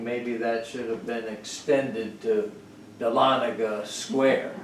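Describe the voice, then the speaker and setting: An older man giving a reflective sermon to a congregation, speaking in a slow, measured and earnest way with pauses between phrases. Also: medium pitch, a little mellow, slight background noise. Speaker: guest speaker at a congregation service. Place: sanctuary of a congregation. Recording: roomy church sound from a distance with faint ambience.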